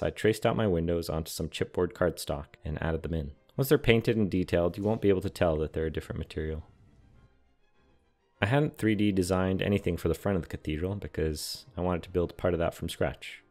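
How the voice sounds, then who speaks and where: Calm and matter-of-fact, a deep-voiced, gravelly man explains his build in scripted voice-over. He's a scale model and terrain builder, and soft music plays in the background.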